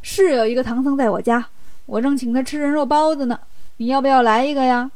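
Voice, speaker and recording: A woman's voice: sits high, fairly even intonation, fast talker, darkish tone, dry recording, natural voice. A woman voicing a boastful, gluttonous male demon king who mocks his enemies, in a children's story. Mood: sly gloating. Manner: gloating, mocking.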